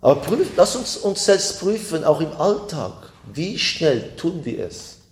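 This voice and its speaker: A man preaching a sermon in a slow, emphatic way, his voice climbing with fervor at times. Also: on the high side, sing-song, reverberant.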